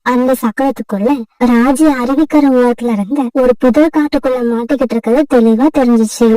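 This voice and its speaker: A woman tells a children's cartoon story in a steady, high, mellow voice. The sound is dry and set back from the mic. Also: fairly quick, no room sound, distant mic, rough recording. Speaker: narrator. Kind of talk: storybook narration.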